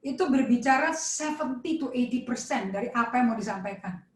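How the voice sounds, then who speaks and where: A woman pastor with an Indonesian accent preaching a sermon in a lively way, acting out dialogue with shifting tones. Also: on the high side, brisk. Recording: echoey church hall.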